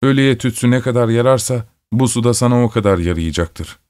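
A man's voice: mid-range voice, quick pace, darkish tone, dry recording, clean studio sound, close to an everyday voice. A man voicing a grumbling old bearded male synagogue caretaker in a storybook reading, with a sleepy, drawling, sing-song delivery. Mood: dry.

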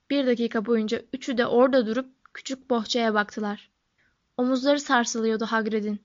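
A woman reading a storybook aloud as its narrator, in a steady, expressive way. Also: on the high side. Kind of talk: audiobook narration. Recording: dull lo-fi recording.

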